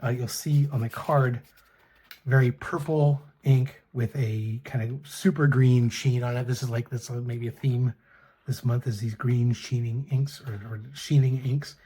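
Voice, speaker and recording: A middle-aged man talks through his fountain pens and inks in a relaxed show-and-tell. His voice is mellow and quite raspy. He speaks softly and hesitantly, with plenty of fillers and restarts. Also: medium pitch, unhurried. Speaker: pen and ink reviewer. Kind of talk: casual show-and-tell review.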